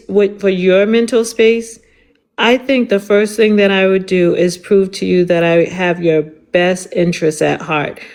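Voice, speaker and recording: A woman's voice: fairly low pitch, darkish tone. Flirty woman chatting on a panel, teasing, nosy questions, casual talk. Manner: teasing, inquisitive.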